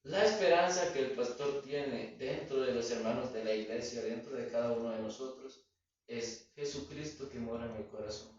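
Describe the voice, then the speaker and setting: A man's voice: mid-range voice, moderate pace. A man giving an earnest church testimony, telling his story and asking himself questions as he goes. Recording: very echoey, distant, dull sound.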